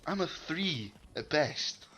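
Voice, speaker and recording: Give me a Scottish man with a bright, tense voice, chatting casually and swearing as he tells a story. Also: a little high, lively intonation, slow, breathy edge. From Scotland. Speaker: gaming channel co-host. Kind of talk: casual gaming chat.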